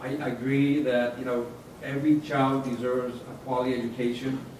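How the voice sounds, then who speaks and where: A male legislator addresses a panel audience, his remarks halting and full of fillers. He sounds distant from the mic, with heavy room echo and a clear hum of noise behind him. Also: mid-range voice, little pitch movement, a little mellow. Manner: halting, many fillers and restarts. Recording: echoey hall, distant mic, noisy.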